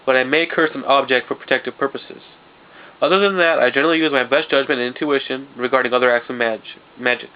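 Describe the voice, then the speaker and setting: Though his nose is stuffed up, this young vlogger's mid-range voice comes across clear and resonant. He chats casually in a monologue, often restarting his sentences, captured on dull, lo-fi home video with a faint hiss.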